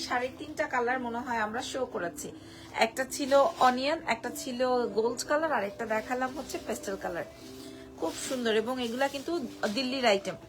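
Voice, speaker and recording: A hoarse woman presenting a live-stream sari sale from Bangladesh, gushing over each piece and repeating prices and discounts. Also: high voice, a bit bright, slight background noise. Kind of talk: live-stream sales pitch.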